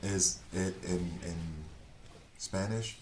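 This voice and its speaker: With background noise behind him, a Swiss streamer who isn't a native German speaker plays a game while casually rambling to viewers and reading chat aloud. He speaks slowly in a low-pitched, steady voice.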